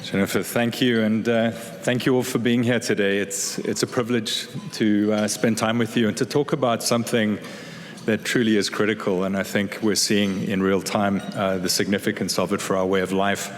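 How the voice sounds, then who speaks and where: A man's voice: fairly low pitch, flat delivery, normal speed. A man in his fifties giving a business keynote as a chief executive, with polished corporate enthusiasm. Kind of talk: semi-scripted business keynote speech. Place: large indoor event hall, on stage. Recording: echoey hall with clear background noise.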